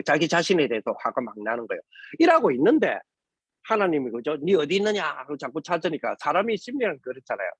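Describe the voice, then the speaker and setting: A man's voice: on the high side, slightly rough, dry recording. A man preaching a sermon, firing rhetorical questions and tagging "right?" onto nearly every phrase. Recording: dull lo-fi recording, dry.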